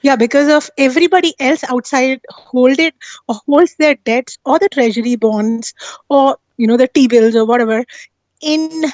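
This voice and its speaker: Her voice is high with a darkish tone, and she speaks at normal speed as a guest on a live talk stream, casually yet insistently explaining and frequently tacking on questions to get agreement. The recording is dry and a bit dull, like a lo-fi call, with no room sound.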